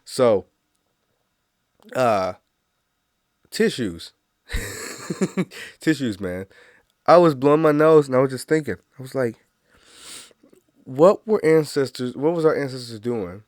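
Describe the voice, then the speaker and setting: A male podcast host rambles loosely through a casual solo monologue, his nose stuffy and congested. His voice is medium-pitched and darkish with lively intonation; he takes it slowly, pauses often, laughs at his own jokes and swears freely. The sound is dry and close, with no room sound.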